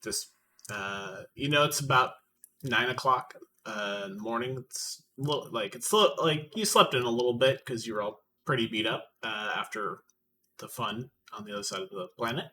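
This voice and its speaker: A man's voice: mid-range voice, animated, normal speed, pushed and bright, recorded from a distance, slight background noise. A man acting as game master, narrating a tabletop game casually with many fillers and restarts.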